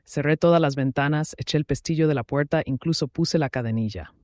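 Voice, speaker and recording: A man narrating a first-person dramatic story in a calm, even way. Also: fairly high pitch, a little fast, no room sound, clean studio sound.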